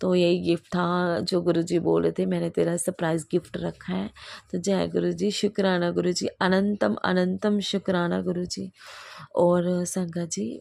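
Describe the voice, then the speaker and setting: A woman hosting a devotional channel, telling of her spiritual experiences in a soft, hesitant way with many pauses and fillers. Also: lowish voice, little pitch movement, vocal fry, no room sound, studio quality. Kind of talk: personal spiritual testimony.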